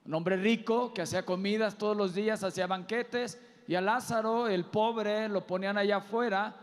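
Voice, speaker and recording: In a large auditorium, a male pastor delivers an earnest sermon in a high-sitting voice, keeping a steady tone at normal speed. He addresses the parents in the audience with direct questions, and live hall reverb fills the recording.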